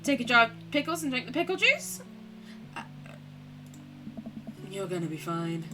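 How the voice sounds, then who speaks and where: A woman's voice: a little high, very animated, normal speed, music in the background. A woman voicing a posh English mother who leads the parents' association, speaking in a posh English accent and doling out prim, knowing advice. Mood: prim, conspiratorial. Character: posh English mum, boozy PTA leader.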